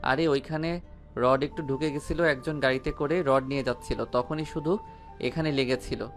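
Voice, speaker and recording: A man's voice: mid-range voice, steady tone, moderate pace, faint music behind, lightly acted. A man voicing a cheeky young male student who teases his family playfully. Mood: teasing. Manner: playful teasing.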